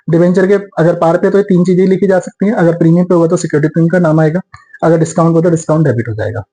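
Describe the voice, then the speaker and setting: A man teaching accountancy in a classroom lecture, explaining step by step, mixing English terms into Hindi in an Indian accent and slowing down to dictate entries. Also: a little high, mellow, low-quality recording. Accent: Indian English terms mixed into Hindi.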